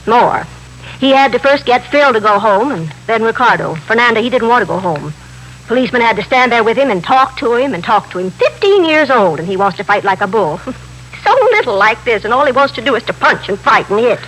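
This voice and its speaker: With a slightly high female voice and brisk delivery, an actress in a 1950s radio drama portrays a middle-aged widow running a candy store who is talkative and excitable. Animated and insistent, she repeats herself in simple, slightly broken grammar, captured on a noisy vintage radio broadcast recording.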